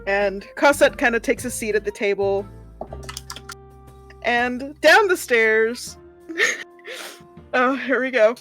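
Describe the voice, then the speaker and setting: A woman's voice: a little high, takes it slowly, pauses often, a bit bright, faint music behind. Hesitant woman narrating a tabletop game. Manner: hesitant, many ums and restarts. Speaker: game master.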